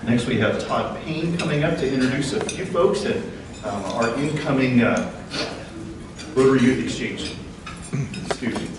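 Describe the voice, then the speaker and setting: Man announcing from afar in echoey hall. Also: mid-range voice. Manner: brisk, with frequent hesitations. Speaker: club president. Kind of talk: meeting announcements. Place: large meeting hall during a lunch. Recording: echoey hall, distant mic, noisy.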